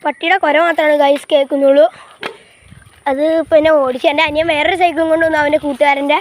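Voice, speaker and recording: A woman giving a casual walking-tour vlog outdoors by rural fields and a canal, filmed on an old phone while riding a bicycle. She talks haltingly, repeats herself and keeps saying "guys". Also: high voice, little pitch movement. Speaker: vlogger. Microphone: old phone camera.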